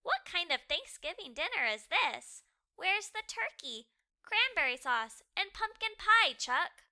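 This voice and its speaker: Woman as bossy, bright-voiced Peppermint Patty. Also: very high-pitched, sing-song, a little slow, pitched above the performer's own voice, full character voice. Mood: indignant. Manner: emphatic, demanding. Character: bossy, blunt, pushy young girl.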